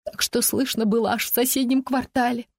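A woman voicing a gushing, naive woman who speaks high and earnestly in an audiobook. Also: fairly even intonation, a little fast, darkish tone, no room sound, clean studio sound.

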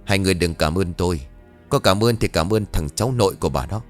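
A man voicing a stern, gruff old village sorcerer in a ghost story. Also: low voice, fast talker, soft background music, lightly acted. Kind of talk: audio ghost story reading.

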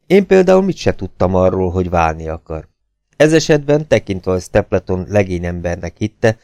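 Man reading as Sherlock Holmes, low and dry. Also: no echo. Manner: urgent, tense, often hushed. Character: shrewd, commanding male detective. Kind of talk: audiobook character voice.

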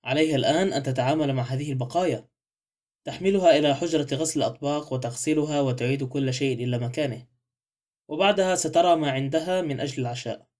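A male narrator reading a mystery novel aloud in scripted audiobook style. His delivery is quick and steady, in a slightly raised register. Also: fairly high pitch.

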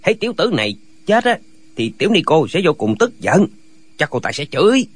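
A man's voice: a little high, sing-song, brisk, husky. A man doing squabbling, foolish hermit brothers. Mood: bickering. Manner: bickering, argumentative back-and-forth. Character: six squabbling, foolish male martial hermits. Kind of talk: radio drama reading.

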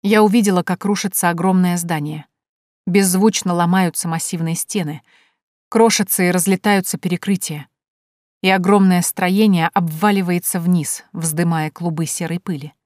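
Low-voiced woman reading a romance. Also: steady tone, normal speed, a little mellow, no room sound, studio quality. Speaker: audiobook narrator. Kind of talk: first-person scripted narration of a romance novel.

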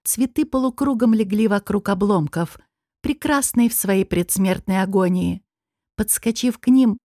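A woman's voice: mid-range voice, warm tone, no echo, studio quality. A woman reading a fantasy novel aloud as narrator. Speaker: audiobook reader.

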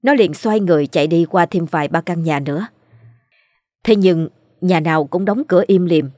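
A woman's voice: fairly low pitch, moderate pace, a little mellow, no echo, studio quality. A woman narrating a ghost story in a scripted storytelling style.

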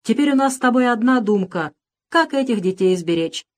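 Woman voicing a firm old grandmother, brisk, practical, matter-of-fact, storybook reading. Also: on the high side, animated, pitched above the performer's own voice, lightly acted.

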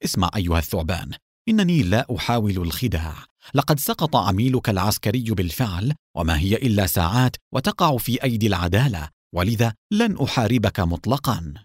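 A man's voice: on the low side, fast talker, dry recording, clean studio sound. A man voicing a cool, mocking secret agent. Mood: calm mocking. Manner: calm, sarcastic.

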